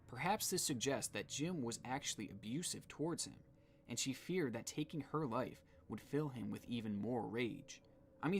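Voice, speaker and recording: A man's voice: medium pitch, a little hiss or hum. A man giving scripted narration in the style of a true-crime video.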